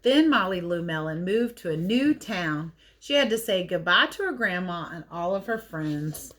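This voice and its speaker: A woman teacher reads a picture book to children with expression, dropping in playful, chatty remarks about the pictures. Her voice sits lowish and sounds a bit bright, animated and at a normal speed. It's lively read-aloud storytelling mixed with casual asides.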